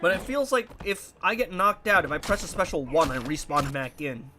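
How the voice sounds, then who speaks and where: A young gaming YouTuber chats casually over his own gameplay, his voice on the high side, stuffy and nasal from congestion. He talks at a normal speed, sounding animated, puzzled and rambling, with some background noise.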